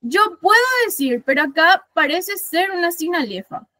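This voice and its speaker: Teaching a literature class online, a woman from Paraguay explains things step by step, counts syllables aloud, and often corrects herself mid-sentence, using many fillers. Her very high-pitched voice is bright, forceful, and animated at a moderate pace. The recording is dry.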